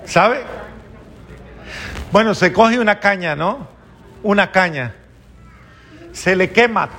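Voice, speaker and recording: Male preacher, slow and drawn out, gravelly, a bit higher voice, asks the crowd stuff. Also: a bit bright, slight background noise. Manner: slow, earnest, asks the congregation questions. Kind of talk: sermon.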